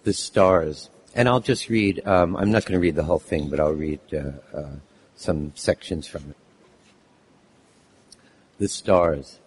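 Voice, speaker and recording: A man with a lost, hoarse voice introducing and reading his text at a live poetry event, halting with many fillers. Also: sits low, slight background noise. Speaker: poet reading his work.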